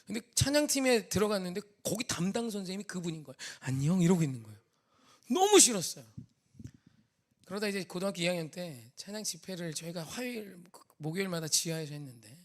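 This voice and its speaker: A man preaching a sermon as a pastor, telling stories with emotional swings from loud to whispered. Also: high-pitched. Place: church sanctuary.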